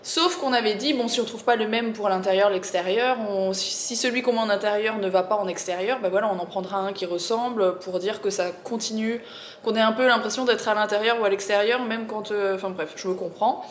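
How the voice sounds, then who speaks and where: A woman's voice: mid-range voice, brisk. A woman chatting casually to viewers as a vlogger, with a slight lisp on her s sounds and an informal, digressive way of telling things. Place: indoors at home. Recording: roomy echo, faint background noise.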